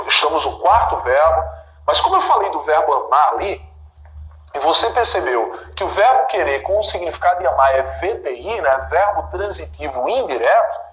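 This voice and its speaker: A man's voice: fairly high pitch, roomy sound, poor audio. A man with a Brazilian Portuguese accent teaching grammar in a video lesson, talking to viewers and repeating key terms.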